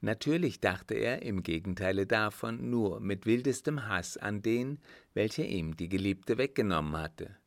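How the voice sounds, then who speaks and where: Low-voiced man narrating an audiobook, calm and measured, dry studio sound. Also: vocal fry, no room sound. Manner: quiet, measured storytelling. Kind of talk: scripted narration.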